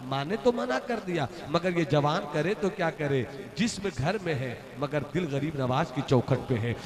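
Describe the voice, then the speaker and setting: A man preaching a devotional sermon as a story, rhythmic and impassioned, building to shouted peaks at a large religious gathering. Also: fairly high pitch, lively intonation, normal speed. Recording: echoey hall with crowd behind.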